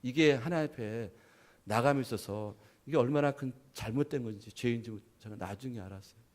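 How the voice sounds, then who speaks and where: Middle-aged male pastor, storytelling sermon voice, average pitch, punches key words then trails off softly. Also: fairly quick. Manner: conversational storytelling with frequent "예" affirmations; swings between loud emphasis and soft, dropped phrases.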